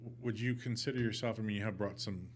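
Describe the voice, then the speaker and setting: A man's voice: fairly low pitch, fairly even intonation, quick pace, a little hiss or hum. A man hosting a podcast, asking his guest questions in a casual, jokey way. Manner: jokey, laughs easily, asks leading questions. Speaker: podcast host. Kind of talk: casual interview chat.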